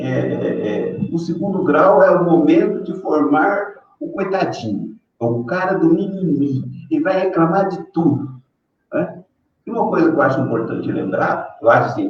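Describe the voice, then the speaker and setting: An older man talking casually as a professor guest on a live stream, rambling with frequent tag questions and fillers. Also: a little high. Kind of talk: casual opinion talk. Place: room on a live video call. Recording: distant, echoey, dull lo-fi sound with faint noise.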